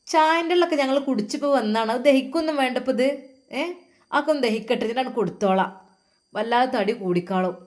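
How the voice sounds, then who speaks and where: A woman doing a shrill, scolding stepmother. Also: lightly acted. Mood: grudging. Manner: scolding, rapid, shrill nagging. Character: sharp-tongued middle-aged stepmother, stingy.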